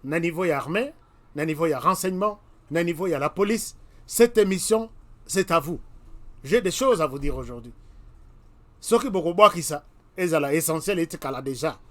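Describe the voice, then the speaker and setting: High-voiced, emphatic Congolese man. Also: animated, normal speed. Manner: emphatic, repeats warnings, addresses listeners directly. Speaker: web TV host. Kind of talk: commentary monologue to viewers.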